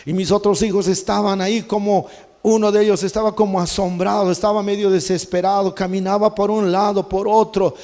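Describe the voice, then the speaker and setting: A man pastor tells his testimony as a sermon, his voice high and mellow. He slips into slow, pleading prayers. The sound carries the long reverb of a church hall.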